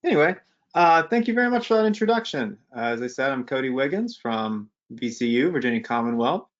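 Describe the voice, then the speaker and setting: A man's voice: medium pitch, big pitch swings, fairly quick, muffled recording. A young man presenting a technical webinar in a casual, conversational way, with many fillers and restarts. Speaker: webinar presenter, postdoctoral researcher.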